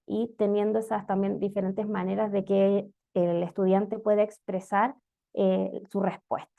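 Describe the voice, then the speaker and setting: A woman's voice: mid-range voice, level tone, measured pace, gravelly. A woman giving an online lecture on teaching reading, explaining step by step and often checking in with "¿ya?". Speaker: special education instructor. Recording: muffled lo-fi audio.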